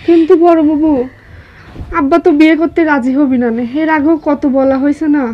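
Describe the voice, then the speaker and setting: A woman's voice: sits high, fairly even intonation, fairly quick, highs cut off, close to an everyday voice. An actress playing a younger sister who earnestly backs her sisters' plan, speaking. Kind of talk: TV drama acting.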